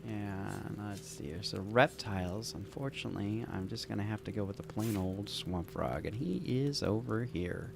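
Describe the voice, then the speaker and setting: Over some background noise, a man with a lowish, gravelly voice talks at a normal pace and barely pauses. He's casually narrating how he builds a game scenario, thinking aloud and veering into excited, rambling side comments as he plays.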